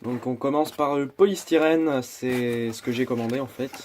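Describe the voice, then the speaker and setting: A man's voice: medium pitch, moderate pace, noisy background. A man chatting casually through an unboxing video, talking in a hesitant way with many restarts and asides. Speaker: YouTuber.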